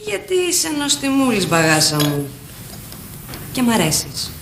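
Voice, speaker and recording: A brash flirting barkeep. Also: female voice, on the high side, wildly swooping pitch, background noise. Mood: teasing. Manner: teasing, streetwise. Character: brash flirtatious woman running a bar. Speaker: bar owner. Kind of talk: TV period drama. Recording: echoey set with music.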